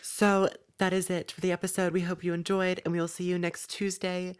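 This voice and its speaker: A young woman with a low, smooth, clear voice that stays flat and even. She co-hosts a casual podcast with a dry, joking manner. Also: a little fast. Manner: dry, joking, wraps up the show. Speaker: podcast co-host.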